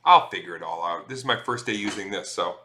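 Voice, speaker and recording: Chatty bright-voiced man streaming live. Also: on the low side, fast talker. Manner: chatty, swears freely, reads chat aloud. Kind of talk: casual live-stream chat.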